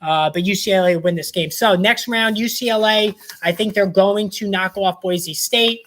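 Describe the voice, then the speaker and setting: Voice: mid-range voice, normal speed, a bit bright. A host talking through tournament predictions in a casual monologue, rambling with lots of fillers and restarts, and confident in the picks. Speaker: sports bracket analyst host.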